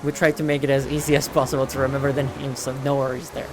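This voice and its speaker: A man's voice: mid-range voice, level tone, fast talker. A man streaming a game, chatting casually in a hesitant way with frequent stammers. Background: game music.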